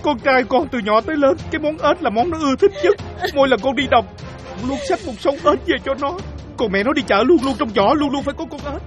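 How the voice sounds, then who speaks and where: A woman playing an anxious rural father who pleads quickly. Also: sits high, expressive, over music. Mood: remorseful.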